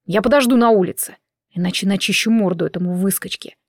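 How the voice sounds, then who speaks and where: A woman voicing a hot-tempered young man, speaking low and seething. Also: fast talker, no echo, studio quality, natural voice.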